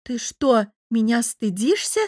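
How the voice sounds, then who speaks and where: A woman's voice: a little slow, dry recording, studio quality, close to an everyday voice. A woman voicing a defiant, hurt young wife and dance teacher, pleading and defensive in an argument. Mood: upset arguing. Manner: pleading and defensive, rising pitch.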